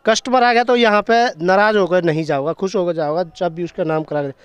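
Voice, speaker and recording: The host of a used car channel walks around an outdoor lot with a handheld mic in a casual sales video, chatting, hyping prices, and asking dealer questions. His voice is high, clear, and resonant, and he talks fairly quickly. The recording is dry.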